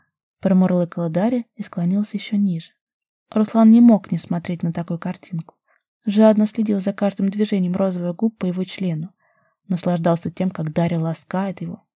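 A woman narrating a novel aloud in an even storytelling manner. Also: mid-range voice, breathy edge, no room sound, studio quality. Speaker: audiobook narrator. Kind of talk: scripted narration.

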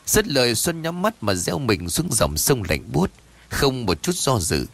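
A man narrating a ghost story in a lively, expressive storytelling manner. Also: mid-range voice, measured pace, gravelly.

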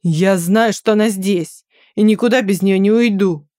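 A woman's voice: medium pitch, normal speed, mellow, dry recording, studio quality, lightly acted. A woman voicing a pushy, mocking young man. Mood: insistent. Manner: pushy, then weary and sarcastic.

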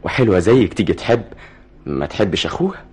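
A man's voice: deep voice, lively intonation, fast talker, a little mellow, husky. An actor with an Egyptian accent playing a nervous, evasive brother who snaps at his sister in a radio drama. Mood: tense. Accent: Egyptian Arabic. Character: tense jealous young brother, evasive and edgy.

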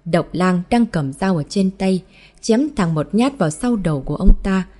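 Woman reading an audiobook, low soft warm voice, steady and even. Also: moderate pace. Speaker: audiobook narrator. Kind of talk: scripted novel narration.

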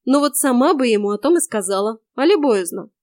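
A solemn warrior hero, read by a woman, speaks plainly and gruffly in old-fashioned words. He is earnest and a little grim. The reading is dry and close. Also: fairly high pitch, lively intonation, fairly quick, darkish tone, dry recording, close to an everyday voice.

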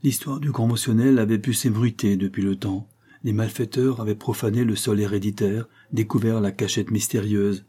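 Very husky male audiobook reader. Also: fairly low pitch, warm tone. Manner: measured, dramatic reading. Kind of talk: scripted literary narration.

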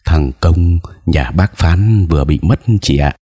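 A man's voice: very deep voice, slow pace, warm tone, slightly rough, heavily acted. A man voicing a sad village uncle who steadily explains what happened. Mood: sorrowful. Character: sad village uncle telling bad news.

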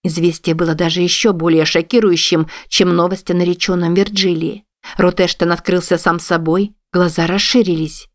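A woman narrating an audiobook with a lowish voice. She reads in a steady, even storytelling manner. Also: normal speed, no room sound, studio quality. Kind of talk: scripted narration.

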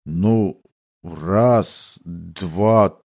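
A man's voice: low voice, drawn-out words, a little mellow, pitched below the performer's own voice, exaggerated voice. A man voicing a big, dim-witted young squire who blurts out indignant, simple protests, in an audiobook.

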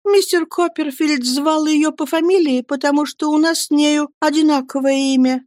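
A woman's voice: high-pitched, steady tone, moderate pace, darkish tone, no room sound, clean studio sound, pitched above the performer's own voice, lightly acted. A woman voicing a timid, frail young mother in an audiobook, faint and tremulous. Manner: trembling, faint and plaintive. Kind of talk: audiobook character voice.

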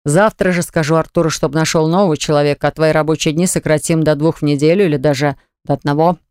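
A narrator voicing a domineering man who lays down orders to his lover, speaking slowly and weightily in a smooth, dry, close-miked voice. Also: mid-range voice, fairly even intonation, a little mellow, no echo, close to an everyday voice. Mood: commanding. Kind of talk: audiobook character voice.

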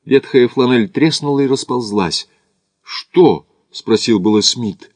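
A man narrating an audiobook in a measured literary reading. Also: mid-range voice, no room sound.

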